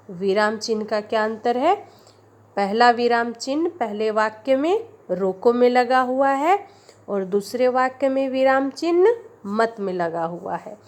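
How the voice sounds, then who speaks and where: A woman teacher explaining grammar in a slow, deliberate way, repeating example sentences. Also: on the high side, darkish tone. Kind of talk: Hindi grammar lesson.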